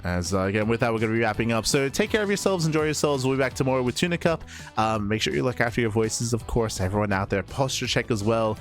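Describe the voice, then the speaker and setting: An esports caster with a medium-pitched, expressive voice talks fast with few pauses as he signs off a stream, faint music behind him. He's chatty and rambling, full of fillers and restarts, his voice still recovering after he lost it.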